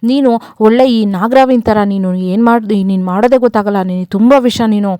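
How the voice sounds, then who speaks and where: A stern older man scolds his son in a harsh, reproachful voice, as a woman storyteller puts him on. The sound is dry and close, with no room around it. He speaks somewhat louder than the storyteller's usual talk. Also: mid-range voice, brisk, smooth, dry recording, lightly acted. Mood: scolding.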